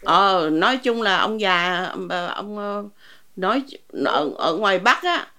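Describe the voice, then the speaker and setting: A woman's voice: mid-range voice, animated, unhurried, bright, forceful tone. A woman in her sixties from Vietnam, recalling her past in hesitant speech full of fillers. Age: 60s. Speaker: interviewee. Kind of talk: personal recollection.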